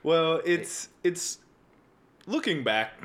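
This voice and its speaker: A man's voice: a little high, sing-song, takes it slowly. Joking young man hosting a gaming podcast. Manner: joking, rambling, laughs often. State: drinking while recording. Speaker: podcast host. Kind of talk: casual podcast chat.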